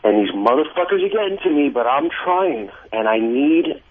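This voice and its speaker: A man's voice: fairly high pitch, big pitch swings, normal speed. A man calling a talk radio show, asking for advice in an earnest, rambling way that swears. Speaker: caller. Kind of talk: phone call to radio show. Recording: tinny phone line.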